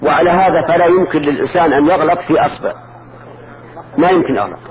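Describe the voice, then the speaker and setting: A man's voice: fairly high pitch, quick pace, dull audio, over a noisy crowd. A man teaching Arabic grammar in a lesson, patiently repeating word forms and checking that students follow.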